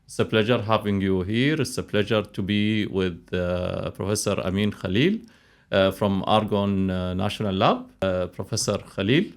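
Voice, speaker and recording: Halting low-voiced man hosting a podcast. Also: steady tone. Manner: halting, hesitant delivery. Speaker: podcast host interviewing a guest. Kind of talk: conversational interview.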